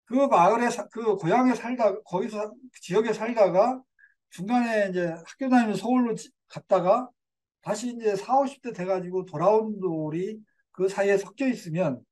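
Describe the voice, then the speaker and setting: A man's voice: high-pitched, moderate pace, a little mellow. An older man giving a community lecture in a digressive way, with fillers and self-corrections.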